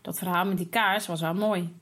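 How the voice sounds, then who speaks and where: Woman, storyteller, children's story read aloud, husky, breathy. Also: on the low side, fairly even intonation, normal speed, fairly bright tone.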